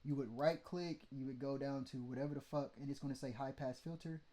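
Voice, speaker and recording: This tutorial host explains vocal mixing in a brisk, steady, dark-toned, mid-range voice. His teaching is loose and blunt, peppered with swearing and frequent "okay?" check-ins.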